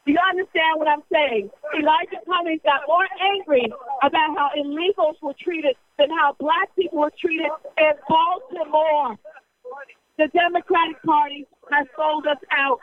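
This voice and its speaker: A woman's voice: high-pitched, fairly even intonation, moderate pace. A woman giving an impassioned political speech outdoors at a street rally, emphatic and repetitive, firing rhetorical questions at her listeners. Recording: dull lo-fi recording.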